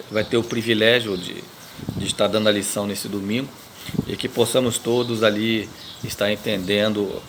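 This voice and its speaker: A male pastor with a Brazilian Portuguese accent gives a daily Bible reading commentary, talking haltingly with many fillers, restarts and tag questions. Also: on the low side, noisy background.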